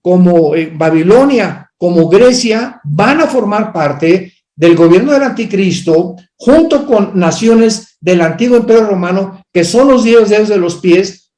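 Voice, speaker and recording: A man's voice: high voice, darkish tone. A man teaching theology, answering a student's question firmly and emphatically. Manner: firm, emphatic, corrects speculation bluntly. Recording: echoey room.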